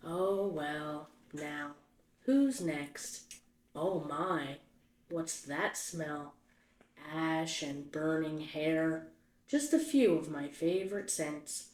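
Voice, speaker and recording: A low, unhurried caretaker of a ghost town, played by a woman greets her ghosts with patient, dry calm. Puppet stage play. The voice sits in a roomy echo. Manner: mild, patient, gently dry hosting.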